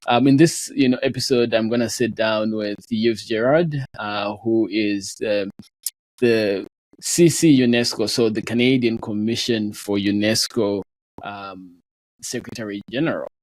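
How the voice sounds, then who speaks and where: A man hosting a podcast in a conversational, halting way, pausing often as he introduces and questions. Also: on the low side, steady tone, darkish tone, dry recording, rough recording. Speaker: podcast host.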